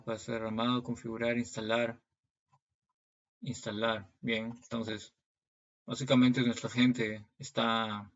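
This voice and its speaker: This Peruvian preacher and Bible teacher has a gravelly, creaky voice and holds a fairly flat, mid-pitched line. He reads scripture and explains it didactically, dropping in quick check-ins such as "okay" and "right." The audio is dull and lo-fi.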